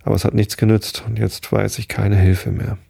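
A man voicing a gentle, weary, parched wanderer near death in a read-aloud story. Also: fairly low pitch, level tone, normal speed, vocal fry, breathy edge, dry recording, clean studio sound, exaggerated voice. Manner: gentle, tired, soothing.

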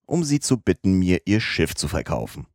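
Phlegmatic gentleman, even and unruffled, read by a man; low, dry audiobook voice. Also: normal speed, no echo. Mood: calm. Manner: calm, composed, even. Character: phlegmatic English gentleman, unshakably calm.

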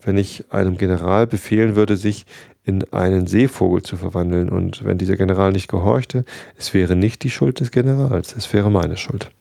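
A man's voice: low-pitched, steady tone, moderate pace, vocal fry, mellow, no room sound, clean studio sound. A man doing a pompous, commanding king. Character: pompous old king, absolute ruler.

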